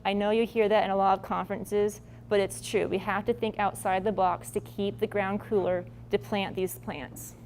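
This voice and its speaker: A woman's voice: mid-range voice, little pitch movement, moderate pace, hardly any pauses, a little mellow, a little hiss or hum. A woman presenting farming advice at a workshop in a casual, blunt, folksy way. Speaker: agricultural presenter.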